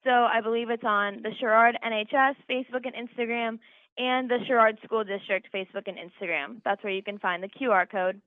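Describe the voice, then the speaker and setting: A woman's voice: fairly high pitch, steady tone, brisk, dry recording, narrow, tinny audio. A teenage girl, a student guest on a radio interview, earnestly explaining an event and linking her points with "and so". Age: teens.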